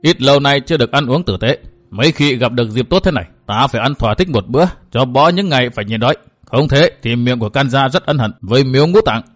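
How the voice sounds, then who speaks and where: A man voicing a stubborn, boastful old martial-arts master who talks loud and blunt. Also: mid-range voice, lively intonation, fast talker, close to an everyday voice. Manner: loud, gruff and brusque.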